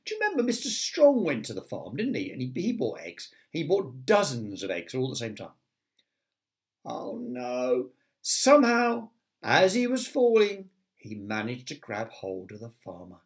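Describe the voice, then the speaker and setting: Animated man reading to children. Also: medium pitch, normal speed. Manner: animated, chatty asides to children. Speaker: primary school teacher. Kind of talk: reading a children's story aloud.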